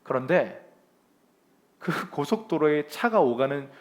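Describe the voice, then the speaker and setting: A male pastor with a fairly high voice preaches a lively, conversational Sunday sermon to his congregation in church, taking it slowly. He acts out complaints and chuckles often as he talks.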